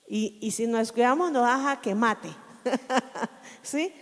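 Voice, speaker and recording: A woman pastor teaching a sermon, often checking in with her listeners by asking "¿sí?". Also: a little high. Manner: slow, questioning the congregation with repeated "¿sí?". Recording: long hall reverb.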